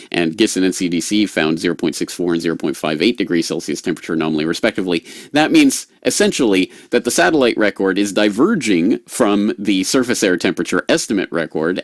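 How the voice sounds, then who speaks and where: A man explaining temperature data in a halting way, with many pauses and restarts. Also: sits low, no room sound, studio quality. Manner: halting, full of fillers and restarts. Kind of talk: explanatory talk.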